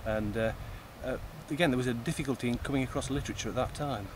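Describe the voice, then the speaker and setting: Older man, thoughtful, precise, outdoors, clear traffic noise. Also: mid-range voice, fast talker. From East Lancashire, England. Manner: thoughtful, precise, restarts words mid-phrase. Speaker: guest. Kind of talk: conversational interview.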